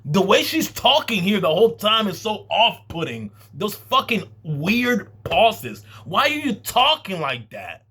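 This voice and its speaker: A man's voice: high voice, sing-song, unhurried, hardly any pauses, pushed and bright, husky. A man hosting a reaction video, giving profane commentary in an exasperated, incredulous tone and firing off rhetorical questions.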